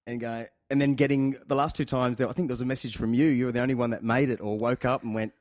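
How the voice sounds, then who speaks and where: A man's voice: medium pitch, flat delivery, fast talker, a little mellow, dry recording, studio quality. An Australian man hosting a casual chat interview, talking in a rambling, joking and teasing way. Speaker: show host.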